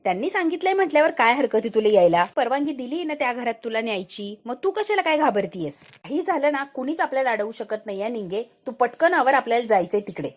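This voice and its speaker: Female recap narrator, slightly high voice, tells the episode as a story and reads all the dialogue herself. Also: quick pace, hardly any pauses. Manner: voices every character's lines herself in a lively retelling.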